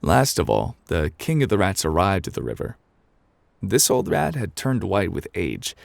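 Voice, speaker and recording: Voicing a gruff male game character, a man reads a bedtime storybook in a low, gravelly-fried voice, moving between offhand, unbothered lines and dramatic pauses with huge pitch swings. The mood is casual and unhurried, fully in character, and the recording is close and dry for ASMR.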